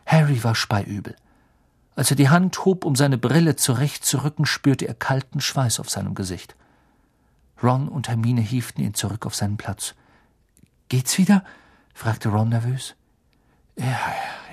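A man reads a story aloud in measured, steady narration. His voice has a husky, slightly breathy texture. The pitch sits in an ordinary middle range for a man. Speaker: audiobook narrator. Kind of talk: scripted narration.

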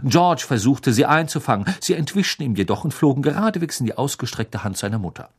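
Husky male storybook narrator. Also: fast talker. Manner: animated, varies pitch for characters. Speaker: audiobook narrator.

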